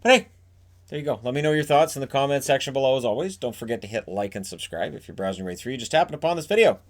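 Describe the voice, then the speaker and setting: A man's voice: medium pitch, lively intonation, very fast. A man hosting a hockey video channel, talking casually to camera about team stats and history, with frequent restarts and phrase endings that trail off.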